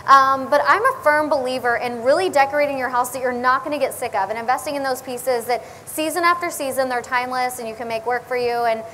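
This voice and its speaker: A woman's voice: high voice, fast talker, few pauses, sharp tone, a little hiss or hum, poor audio. A woman in her thirties, a style blogger and TV style expert, talking chattily and with enthusiasm on a panel at an event. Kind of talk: panel discussion. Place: event hall.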